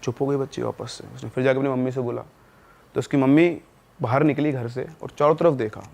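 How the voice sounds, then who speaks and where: A man's voice: medium pitch, steady tone, fairly quick, vocal fry, a little mellow. A man narrating a spooky story in a conversational podcast style, with dramatic asides to the listener. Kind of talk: casual spoken horror storytelling.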